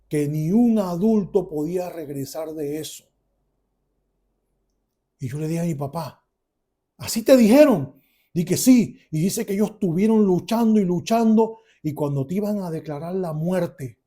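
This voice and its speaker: Husky, high-pitched man giving testimony. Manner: emotional storytelling, acting out both sides of quoted dialogue; voice rises and gets louder in agitated passages. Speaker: testimony speaker.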